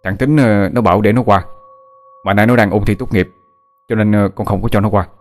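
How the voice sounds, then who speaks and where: A man's voice: lowish voice, fairly even intonation, fairly quick, close to an everyday voice. A man doing a chatty village cousin. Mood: eager. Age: 30s. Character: cheerful talkative village man in late thirties.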